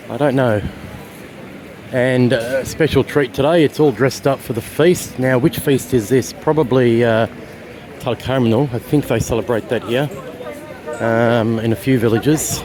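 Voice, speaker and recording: A man's voice: mid-range voice, darkish tone. Chatty Australian man on a street walk. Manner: chatty, rambling, with fillers. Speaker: travel vlogger. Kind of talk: casual walking tour narration. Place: outdoors on city streets. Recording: street noise behind.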